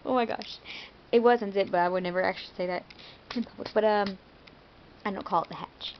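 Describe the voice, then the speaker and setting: An American woman chats to the camera in a loose, rambling vlog, with plenty of "um"s and self-corrections along the way. Her pitch sits in an ordinary middle range. The audio is a bit dull and lo-fi, with a faint hum of room ambience behind her. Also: steady tone, fairly quick. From United States. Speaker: vlogger. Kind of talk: casual vlog monologue.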